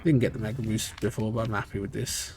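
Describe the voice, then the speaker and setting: A man with a lowish, fairly even voice talks fast, sounding a little mellow over soft background music. His British accent wanders from region to region as he chats and thinks aloud during a live-streamed speedrun.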